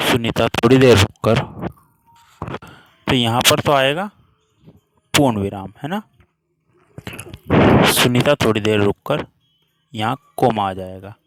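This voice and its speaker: A man's voice: medium pitch, slow, long pauses. A man teaching a worksheet lesson to children, patiently explaining with repeated examples.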